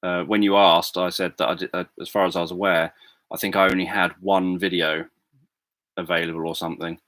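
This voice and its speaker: A deep-voiced Englishman hosts a casual livestream from a home room, answering viewers in a soft, halting, flat manner. He hesitates constantly, full of fillers and restarts, and the recording is dry.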